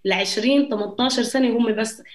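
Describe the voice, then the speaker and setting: A woman's voice: on the high side, fast talker. A young woman with a Palestinian Arabic accent talks casually and personally as an interview guest. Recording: roomy echo.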